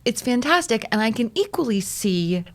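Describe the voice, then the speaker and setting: A woman's voice: a little high, sing-song, moderate pace. A woman in her forties talking frankly as a podcast guest, laughing often and swearing freely. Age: 40s. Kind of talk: candid casual conversation.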